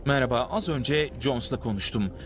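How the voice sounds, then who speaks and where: A man's voice: mid-range voice, a little fast, background noise, close to an everyday voice. An actor dubbing a nervous male lab colleague who hesitates and stammers through his lines. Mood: anxious. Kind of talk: film dubbing.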